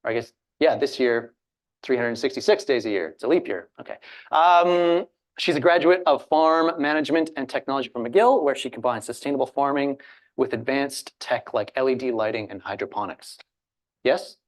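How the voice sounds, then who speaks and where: A man from Alberta moderates a panel in a loose, chatty way, stopping to restart his sentences and joke at his own expense. His voice sits at an ordinary middle pitch. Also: moderate pace. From Alberta, Canada. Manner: chatty, self-deprecating, many fillers and restarts.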